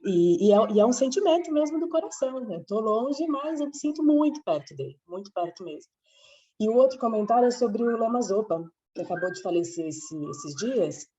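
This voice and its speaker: A woman with a cold, hoarse, speaking softly and reflectively in an online study group. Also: a little high, lively intonation, brisk. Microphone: video call. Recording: muffled distant video call audio.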